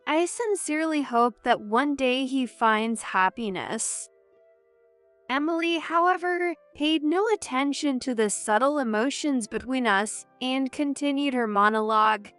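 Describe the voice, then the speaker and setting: A woman tells a first-person story in a slow, measured way. Her voice is slightly high, smooth and clear, recorded dry and close with faint music underneath. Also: a bit bright, dry recording. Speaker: narrator.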